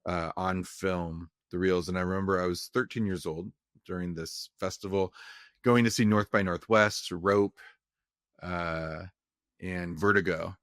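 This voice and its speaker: Man from california, very low voice, rambling restarts, dry close sound. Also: fairly even intonation, measured pace, a bit bright, dry recording. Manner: rambling, frequent restarts and fillers. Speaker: film director guest. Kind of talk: casual interview conversation.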